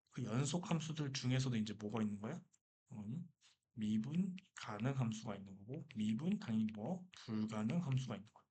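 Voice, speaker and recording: A man gives a math lecture in a slightly husky voice. He talks the class through each step, keeps throwing questions at them and answers them himself, with an easy, casual energy. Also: medium pitch. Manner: lively, asks and answers his own questions. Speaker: math teacher.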